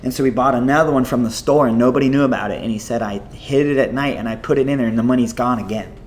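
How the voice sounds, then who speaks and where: A man's voice: medium pitch, fast, slight background noise. Man telling vivid stories. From United States. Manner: animated, chatty storytelling full of "like" and "you know". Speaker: missionary guest. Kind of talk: storytelling interview.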